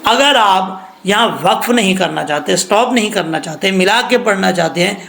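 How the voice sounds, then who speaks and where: A man teaching Quran tajweed patiently, breaking into slow recitation of verses. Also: sits high, vocal fry, fairly bright tone. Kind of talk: recorded recitation lesson.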